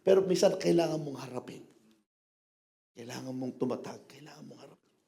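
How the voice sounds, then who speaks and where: A man with a Filipino accent preaching a sermon in church as pastor, switching between Tagalog and English and rising to loud emphasis. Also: a little high, a little fast, gravelly. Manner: mixes English phrases into Tagalog, animated, rises to loud emphasis.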